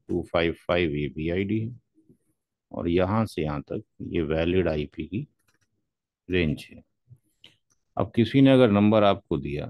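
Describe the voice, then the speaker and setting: A deep-voiced man lecturing as a networking instructor, working through each number slowly and methodically. His voice has a gravelly edge, and the sound is dry and close. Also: no echo, muffled recording. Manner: methodical, spells out numbers step by step. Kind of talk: classroom lecture.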